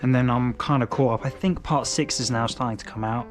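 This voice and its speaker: A man's voice: mid-range voice, brisk, over music. Laid-back English man rambling casually. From England. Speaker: manga collector vlogger. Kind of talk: casual chat.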